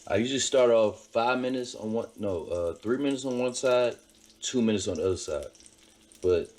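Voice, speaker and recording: A man's voice: deep voice, darkish tone, a little hiss or hum. A man casually showing how he cooks a steak in his home kitchen, emphatic and repeating his points. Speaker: home cook vlogger. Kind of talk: casual cooking demonstration. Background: sizzling pan on a stove.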